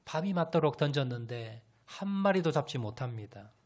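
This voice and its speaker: A man preaching a sermon with animated storytelling. His medium-pitched voice rises and falls widely as he asks the congregation questions. He often drops to a hush for emphasis. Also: moderate pace. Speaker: pastor.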